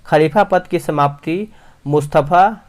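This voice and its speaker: A young man reading quiz questions and answers at speed for exam revision, often restarting words and calling viewers his friends. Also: on the high side. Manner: rapid, frequent restarts, addresses viewers as friends. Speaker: quiz teacher.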